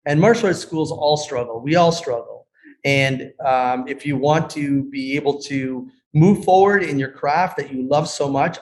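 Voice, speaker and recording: A man, a karate school owner, speaking earnestly and haltingly as a podcast guest on a video call. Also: a little high, darkish tone. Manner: earnest, halting, many restarts. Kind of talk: casual interview chat.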